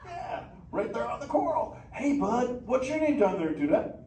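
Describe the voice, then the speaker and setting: A man's voice: very high-pitched, very animated, moderate pace, warm tone. A man voicing a laid-back male sea turtle who talks in a slangy surfer drawl, chatting live with a theater audience. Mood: stoked. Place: indoor theater show. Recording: echoey theater, distant, noisy.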